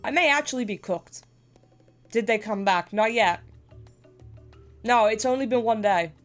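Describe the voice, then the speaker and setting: A woman's voice: a little high, measured pace, faint music behind. Sniffly woman streamer, playful chat. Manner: chatty and playful, laughs often. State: sniffly, stuffy from a cold. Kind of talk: casual live-stream chat while gaming.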